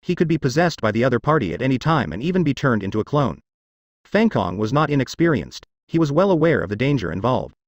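A man narrating a fantasy audiobook in an even, steady reading. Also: medium pitch, quick pace, no room sound, muffled recording.

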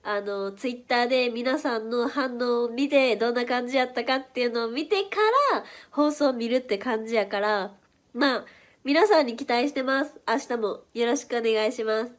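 A young-sounding woman with a Kansai accent chats on a casual livestream, her voice pitched high and a little stuffy from hay fever. She reacts to viewers quickly and playfully. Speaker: idol livestream host. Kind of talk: casual livestream chat reading viewer comments.

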